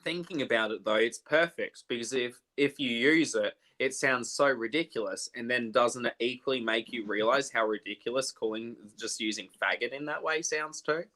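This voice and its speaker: A young man hosting a casual makeup livestream, chatty and animated, quick to laugh. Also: mid-range voice.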